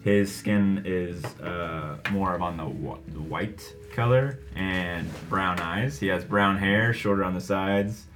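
A man's voice: deep voice, slow, hardly any pauses, over music. A man taking part in a tabletop game as a player, describing his character with hesitant ums. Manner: hesitant, lots of ums when reading. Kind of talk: tabletop role-play chat.

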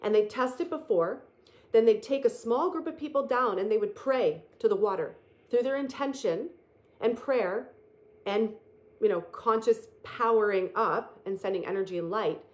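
A woman delivers a motivational spiritual talk. She speaks earnestly and repeats herself for effect, slowing right down on the phrases she wants to land. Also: fairly high pitch, darkish tone, highs cut off. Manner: earnest, repetitive, emphatic and slow on key phrases.

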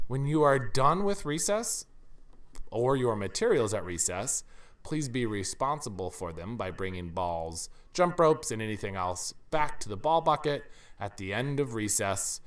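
A woman on school staff making school intercom announcements, prompting and instructing young pupils. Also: extremely low pitch. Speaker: school staff member leading morning announcements.

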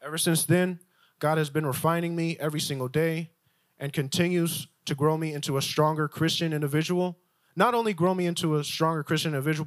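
A young adult man giving a personal church testimony, halting, with many fillers and restarts. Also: fairly high pitch, no echo.

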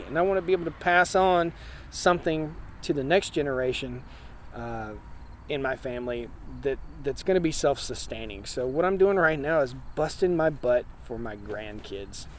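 A man's voice: on the high side, a little fast, slight background noise. A man in his forties, a homesteading farmer, talking emphatically in a casual interview at an outdoor conference. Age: 40s. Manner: plainspoken, emphatic, with frequent restarts.

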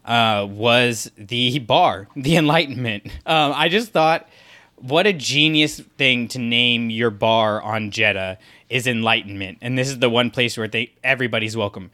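A podcast co-host with a medium-pitched, bright, forceful voice talks at a measured pace. His casual chat rambles, full of fillers and restarts.

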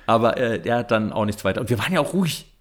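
A man, telling a story in casual chat, animated and acting out the people he quotes. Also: medium pitch, very fast.

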